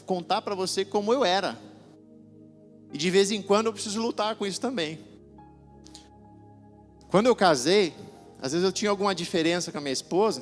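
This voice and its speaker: A man's voice: high-pitched, long reverb tail. A man preaching a sermon, telling stories in a joking manner and acting out voices along the way. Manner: joking storyteller, acts out voices. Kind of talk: sermon with storytelling.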